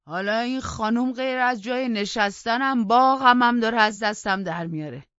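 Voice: medium pitch, fairly bright tone, dry recording, voice pushed up, close to an everyday voice. A narrator voicing a bitter, stubborn old male servant who grumbles and complains. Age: older. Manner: whining, indignant complaining. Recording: dull lo-fi dry recording.

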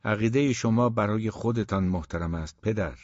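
A man reading the part of a quiet teenage boy who answers his father in short, subdued, defiant replies. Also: fairly low pitch, dry recording, muffled recording, lightly acted.

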